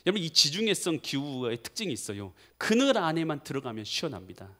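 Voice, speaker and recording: A male pastor preaching a sermon, telling the story vividly and acting out the dialogue. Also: quick pace. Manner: animated storytelling, acting out dialogue with big pitch swings.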